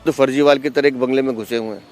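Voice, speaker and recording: A man's voice: medium pitch, steady tone, rapid-fire, darkish tone, soft background music. A man, a party leader, giving an accusatory, mocking sound bite to the press.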